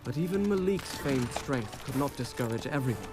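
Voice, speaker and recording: An actor playing a wry, confident young Persian prince in a video game, with loud music behind him. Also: male voice, mid-range voice, lively intonation, moderate pace, close to an everyday voice. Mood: earnest storytelling. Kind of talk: video game narration and dialogue. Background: loud game soundtrack music.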